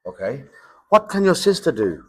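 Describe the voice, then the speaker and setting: A man plays the examiner in a practice English speaking test. His voice sits at a middle pitch and swings up and down a lot. He asks short questions and patiently repeats and rephrases them. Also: sing-song, normal speed, fairly bright tone, husky. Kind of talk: mock oral exam questions.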